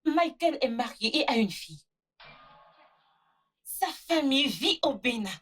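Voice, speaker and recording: A woman's voice: high voice, lively intonation, measured pace, fairly bright tone, heavily acted. An actress playing a defiant young woman who confronts a liar. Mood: insistent. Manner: insistent, confrontational. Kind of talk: dubbed film drama.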